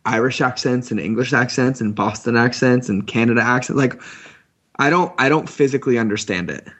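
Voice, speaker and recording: A man chatting casually as a podcast guest, joking and rambling with animated asides. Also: medium pitch, a little fast.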